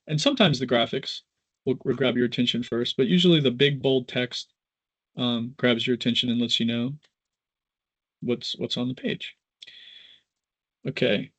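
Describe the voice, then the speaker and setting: Give me a man running an informal live tutorial, mid pitch, thinking aloud with some halting. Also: fairly bright tone. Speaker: instructor giving a software demonstration. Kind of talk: casual live screen-reader tutorial.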